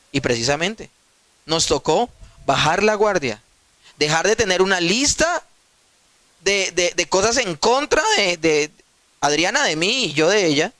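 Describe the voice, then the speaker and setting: High-voiced man preaching a sermon. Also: sharp tone, no echo. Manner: emphatic preaching with rhetorical questions; addresses listeners directly. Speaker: pastor.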